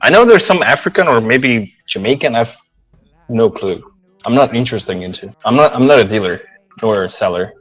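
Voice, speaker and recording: A man's voice: mid-range voice, animated, normal speed, fairly bright tone, dry recording, faint music behind, low-quality recording. A man from southeastern Europe co-hosting a podcast, playful, with non-native phrasing. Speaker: podcast co-host. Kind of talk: podcast banter.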